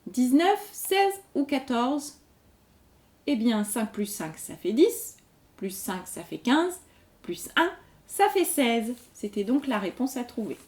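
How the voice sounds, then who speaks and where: A woman's voice: fairly high pitch, very animated, slow, a little mellow. A woman hosting a general-knowledge quiz, reading each question twice and patiently explaining the answer. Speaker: quiz host. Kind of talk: reading quiz questions aloud, slow and clear.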